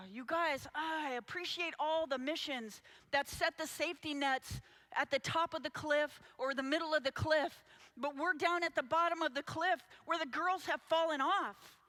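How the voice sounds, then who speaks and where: Here a female anti-trafficking advocate gives a passionate, urgent conference speech aimed squarely at her listeners, her high-pitched voice pushed and bright.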